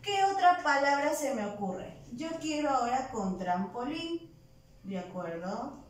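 A woman teaching a virtual primary class, dictating words slowly and patiently, syllable by syllable, recorded away from the mic in a room with echo. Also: sits high, big pitch swings, recorded from a distance.

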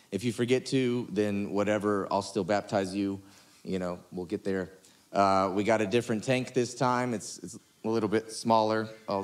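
A pastor hosting a casual church livestream talk, loose and joking, with lots of fillers. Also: male voice, lowish voice. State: out of breath. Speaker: pastor and podcast host. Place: church room, on a couch.

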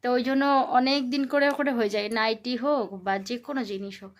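Young mom vlogging at home, chatty and rambly, kinda high voice, bit of faint hiss behind. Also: female voice, fast. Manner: chatty, rambling with fillers, coaxing when quizzing the child. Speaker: vlogger and mother. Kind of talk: casual home vlog chat.

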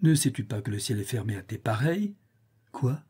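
A man's voice: mid-range voice, big pitch swings, normal speed, warm tone, husky. A man putting on a grumbling gatekeeper Saint Peter. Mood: scolding. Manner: scolding, grumbling. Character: gruff male gatekeeper saint, stern but soft-hearted.

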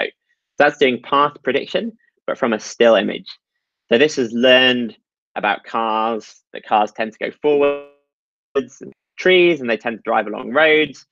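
A man's voice: mid-range voice, gravelly, a bit bright, no room sound, dull audio. A man giving a technical talk over slides at an online meetup, explaining step by step with frequent ums and uhs. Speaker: meetup presenter.

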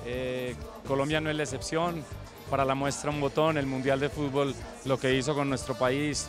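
A man giving a thoughtful post-match interview outdoors at a stadium, into a handheld mic. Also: mid-range voice. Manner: reflective, thoughtful speech. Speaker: interviewee at football event.

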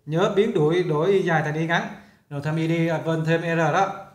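A man talks through a lesson as a teacher, in a chatty, repetitive way. His voice sits a little high for a man. The recording has a roomy echo around it. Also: fairly even intonation, fairly quick. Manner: chatty, repeats himself while explaining. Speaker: English teacher. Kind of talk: casual classroom explanation.

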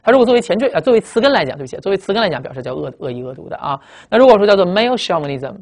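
With a high voice that swings widely in pitch, a man lectures on English vocabulary in a recording. He moves briskly, repeating points and tossing in frequent tag questions.

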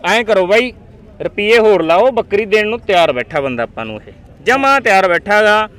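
A man's voice: high voice, animated, fairly quick, fairly bright tone. A man with a Punjabi accent hosting a market video, coaxing people and pressing sellers on price. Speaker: livestock market video host brokering a deal. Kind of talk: lively haggling at a market. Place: outdoor livestock market.

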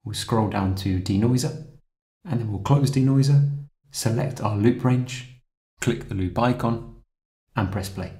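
A man narrating a scripted software tutorial in a calm, steady, explanatory way. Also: fairly low pitch, a little slow, long pauses, reverberant.

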